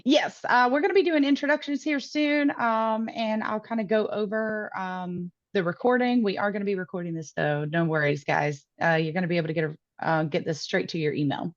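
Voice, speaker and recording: A woman moderating a webinar over a video call, upbeat and quick to laugh. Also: medium pitch, no room sound. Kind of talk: webinar hosting. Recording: muffled online call audio.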